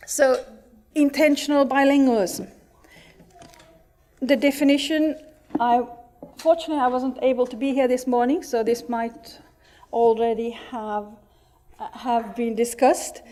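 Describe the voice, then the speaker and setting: A middle-aged Finnish conference speaker, whose first languages are Finnish and Swedish, gives an earnest talk in a conference hall with a Finnish accent, many restarts and plenty of fillers. Her voice is mellow and on the high side.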